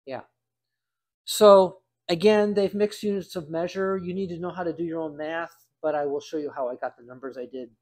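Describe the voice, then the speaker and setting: A man's voice: a little high, steady tone, normal speed, a little mellow. An older man giving a casual hands-on demonstration, talking aloud in a folksy, dryly humorous way. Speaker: home cider maker demonstrating.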